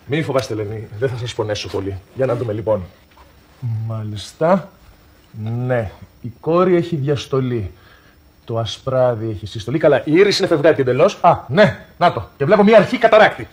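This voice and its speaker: An actor playing a pompous, theatrical doctor in a TV comedy series. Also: male voice, mid-range voice, lively intonation, natural voice. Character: pompous quack doctor, middle-aged man. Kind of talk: TV sitcom acting.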